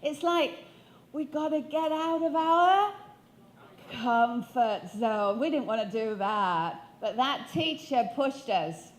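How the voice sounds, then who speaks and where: A Sheffield woman in her fifties, a motivational speaker from northern England, delivers a keynote on stage through a handheld mic and puts questions to the audience. Her voice is slightly high and expressive, and she takes her time.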